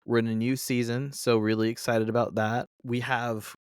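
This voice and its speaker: A man co-hosting a casual film podcast, easygoing and quick to laugh, often repeating words. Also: mid-range voice, flat delivery, smooth, no room sound, studio quality. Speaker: podcast co-host.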